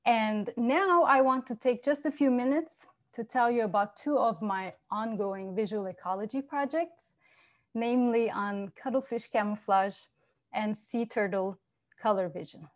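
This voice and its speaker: A woman, a research scientist giving a prepared lecture over a video call, speaking clearly with measured, lively emphasis. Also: fairly high pitch. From Turkey. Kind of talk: prepared presentation over shared slides. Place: home, virtual beach background.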